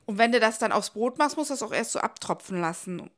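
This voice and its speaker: A woman's voice: fairly high pitch, animated, fast talker. A middle-aged woman co-hosting a casual podcast with her daughter, explaining things in a chatty way with fillers and restarts. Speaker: podcast co-host, mother. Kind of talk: casual chat.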